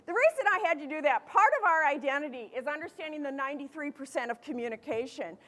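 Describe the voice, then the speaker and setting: A middle-aged American woman with a lively, playful manner, giving a motivational keynote talk to students. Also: sits high, quick pace. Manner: lively, playful, acts out quoted voices. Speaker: motivational speaker. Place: large events hall.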